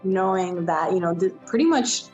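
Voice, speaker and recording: A woman's voice: lowish voice, lively intonation, moderate pace, darkish tone, dull audio, soft background music. A young woman, a veterinary student, speaking sincerely and unhurriedly in a video testimonial.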